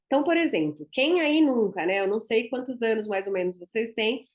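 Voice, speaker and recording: A woman's voice: a little high, expressive, a little fast. A woman with a Brazilian Portuguese accent, a dentist teaching a class in a chatty, emphatic way and often tagging her sentences with "né?". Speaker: instructor and dentist.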